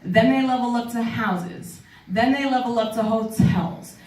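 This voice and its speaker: A woman's voice: on the high side, unhurried, a little mellow, recorded from a distance. A woman from New doing a stand-up comedy set in a club, conversational and self-deprecating, teasing the crowd, a little tired. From New York City. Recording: roomy live club sound from off-mic. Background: audience laughter.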